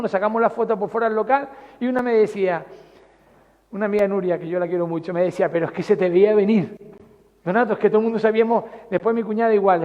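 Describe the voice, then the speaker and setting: Pastor guy with a really high voice, chatty sermon, dull recording with a long hall echo. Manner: conversational preaching, rhetorical questions to the congregation.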